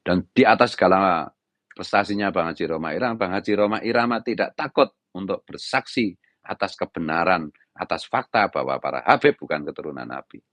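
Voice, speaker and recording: A middle-aged man with a Javanese accent, an Islamic preacher delivering an impassioned monologue in a harsh, raised-pitch scolding tone, often tagging lines with a filler phrase. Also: lively intonation, a little fast, a bit bright, no room sound. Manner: repeats "gitu loh" as a tag. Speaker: Islamic preacher giving commentary.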